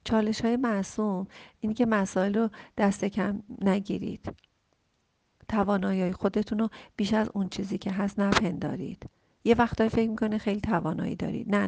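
Woman counselor with a gravelly voice, soft and slow, drifting into whispers, dry close sound. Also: mid-range voice, dry recording. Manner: gentle, repeats key phrases. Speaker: family counselor answering a listener question. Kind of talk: calm advice talk.

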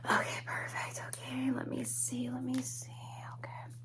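A young woman whispering softly and slowly in a personal-attention ASMR roleplay, close to the microphone. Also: sits high, completely flat delivery. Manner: soft whispering, slow and close. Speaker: ASMR creator. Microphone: close sensitive mic.

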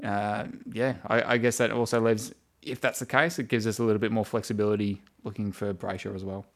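A man's voice: lowish voice, little pitch movement, a little fast. An Australian man co-hosting a casual football podcast from a wooden shed, talking in a thoughtful, hesitant way. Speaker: sports podcast co-host. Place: in a wooden shed in the countryside, poorly soundproofed.

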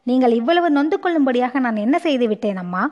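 An earnest young prince who pleads his case in an audiobook story, his lines read by a woman. The voice is high-pitched. The sound is muffled and lo-fi. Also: animated, fast talker. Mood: pleading.

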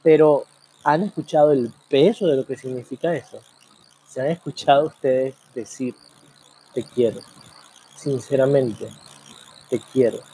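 A man hosting a program, talking in a reflective monologue full of rhetorical questions and slow, drawn-out pauses. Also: medium pitch, mellow, husky. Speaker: program host.

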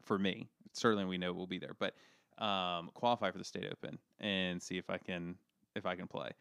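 A man with a fairly low, smooth, clean voice chats casually as a podcast co-host. He rambles, piles up fillers and restarts, and pokes fun at himself. The sound is dry and close, with no room around it. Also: steady tone, fairly quick, a bit bright, no echo. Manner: rambling, filler-heavy, self-deprecating. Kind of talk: casual chat.

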